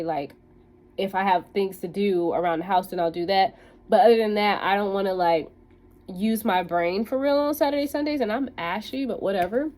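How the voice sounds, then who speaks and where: A woman's voice: mid-range voice, darkish tone. A woman talking casually to her viewers in a rambling vlog, full of "like" and "um". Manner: rambling, filler-heavy talk with frequent "like" and "um". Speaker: bootcamp student vlogger.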